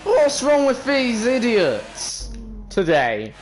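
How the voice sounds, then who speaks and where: A man's voice: very high-pitched, wildly swooping pitch, slow, faint music behind. A British man giving casual, grumbling, exasperated commentary while playing a racing game. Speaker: gamer, video creator. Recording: racing car noise behind voice. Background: racing game engine sound.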